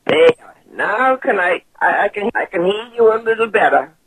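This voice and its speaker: A man's voice: high-pitched, animated, moderate pace. A man faking a confused old lady on the phone. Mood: flustered. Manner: stammering, asks to speak louder. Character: confused hard-of-hearing old woman on phone. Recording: noisy phone line.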